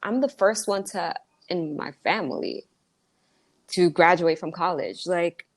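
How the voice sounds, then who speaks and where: With a fairly low pitch and an unhurried delivery, this guest, an author and entrepreneur from the Dominican Republic, talks earnestly in a relaxed interview, emphasizing her points in a motivational way.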